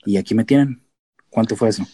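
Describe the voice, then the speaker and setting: A man from Tijuana, a data analyst and researcher, speaks with a northern Mexican accent as a podcast guest. His voice is fairly low, warm and a little breathy, and he talks fast. He explains things casually and informally, mixing in some English terms.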